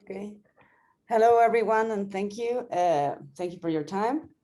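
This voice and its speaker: Female guest speaker heard over a video call; warm, mellow tone, friendly and a bit hesitant. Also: mid-range voice, normal speed. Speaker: guest speaker, operations lead. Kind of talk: webinar presentation.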